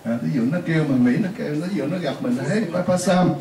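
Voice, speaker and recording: His pitch fairly high and a bit creaky, this man moves at a quick pace through a classroom lesson. He explains in a chatty manner, repeating examples and dropping asides, captured by a distant mic in a roomy space with faint hiss.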